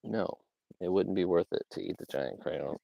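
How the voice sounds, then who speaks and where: A young Southern man from Georgia hosts a livestream outdoors, chatting aimlessly, dropping lots of fillers and small laughs. His voice is low, creaky and dark, at a normal speed and without echo.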